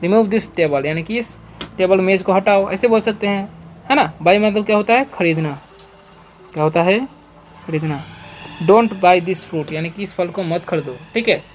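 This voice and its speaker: High-voiced man teaching English words. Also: slight background noise. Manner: spells words letter by letter, slows down for English example sentences; repeats each question and answer as a drill. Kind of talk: phonics and vocabulary lesson.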